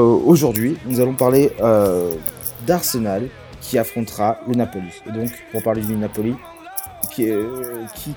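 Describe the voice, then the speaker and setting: A man's voice: medium pitch, mellow. A man hosting a casual sports podcast, hesitant with many fillers and restarts. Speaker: podcast host.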